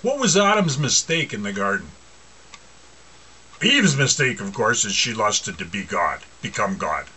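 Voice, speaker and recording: A man's voice: on the low side, sing-song, unhurried, bright, forceful tone, a little hiss or hum. A man preaching an informal sermon, mocking and asking rhetorical questions, often laughing to himself.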